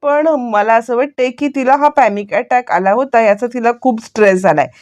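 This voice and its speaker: A woman doing a gentle older uncle. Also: a little high, moderate pace, close to an everyday voice. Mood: soothing. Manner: soothing, gentle. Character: calm older uncle, reassuring.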